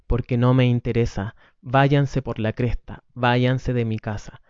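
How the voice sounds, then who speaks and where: A man's voice: medium pitch, flat delivery, unhurried, a little mellow, clear, resonant tone, dry recording, natural voice. Man reading as a cornered angry man. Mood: refusing. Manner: curt, defensive, refusing. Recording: dull lo-fi recording.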